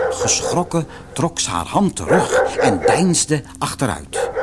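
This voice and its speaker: A man reading a fairy-tale audiobook in an expressive, theatrical storytelling manner. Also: medium pitch. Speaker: narrator.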